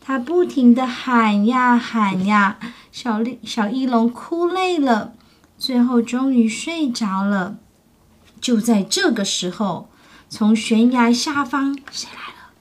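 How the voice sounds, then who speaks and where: A woman with a fairly high voice reads a picture book aloud to children. She tells the story expressively and stops now and then to ask her listeners questions. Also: slow.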